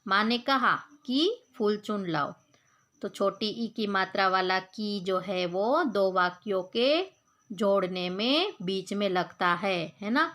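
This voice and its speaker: A woman teacher talks very slowly and patiently to young pupils. She repeats each point, asks the class questions and answers them herself. She drops in the odd English word and spells words out sound by sound. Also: medium pitch, fairly bright tone. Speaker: school teacher. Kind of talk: Hindi grammar lesson for children.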